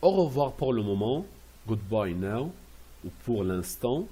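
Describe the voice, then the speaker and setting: Slow, husky-voiced man teaching French. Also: fairly low pitch, sing-song, warm tone. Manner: slow, deliberate, repeats and spells words out syllable by syllable. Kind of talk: language lesson explaining pronunciation.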